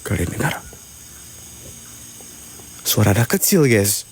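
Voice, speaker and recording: A man's voice: on the low side, very animated, slow, a little hiss or hum. A man livestreaming a ghost hunt outdoors at night. He chats to his viewers, recites incantations and asks them to share the stream. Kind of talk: live ghost-hunting stream talk. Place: outdoors at night at a haunted spot.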